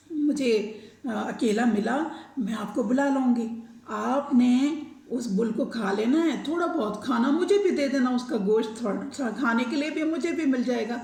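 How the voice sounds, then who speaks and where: A sly, wheedling female fox from a children's storybook, voiced by a woman. The voice is a little high and gravelly, with a mellow tone. It echoes in a roomy space. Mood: flattering. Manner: wheedling, flattering. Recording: echoey room.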